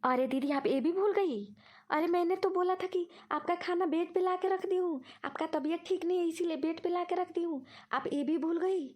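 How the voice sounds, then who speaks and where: A woman's voice: very high-pitched, moderate pace, a little mellow. A woman voicing a scheming younger friend who coaxes and tricks in a cartoon. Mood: teasing. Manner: coaxing, sweetly persuasive. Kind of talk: cartoon voice acting.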